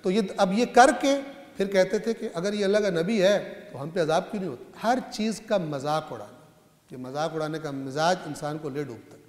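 Male preacher with a high voice, sermon delivery, shifts from loud recitation to hushed asides, echoey hall recording. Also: lively intonation. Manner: swings between loud, rising recitation and quiet, low asides; often checks with the listeners. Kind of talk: sermon explaining scripture. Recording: echoey hall with long reverb.

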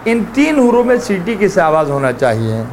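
A man's voice: high voice, big pitch swings, darkish tone, a little hiss or hum. A man teaching Quran letter pronunciation in a classroom, drilling sounds aloud and coaxing students to repeat. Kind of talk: classroom tajweed lesson.

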